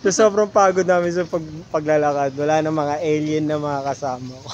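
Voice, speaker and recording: A man's voice: on the high side, steady tone, a little fast, darkish tone, muffled recording. A man chatting casually while walking the streets, joking, laughing and swearing a lot. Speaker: vlog companion. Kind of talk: casual chat. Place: outdoors on city streets. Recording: noisy street recording.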